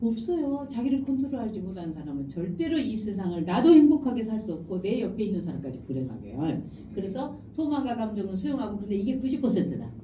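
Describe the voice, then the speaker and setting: A middle-aged woman giving a lively lecture on parenting. She acts out short parent and child lines as she teaches. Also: medium pitch, fast, distant mic, a little hiss or hum. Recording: roomy hall, speaker away from mic.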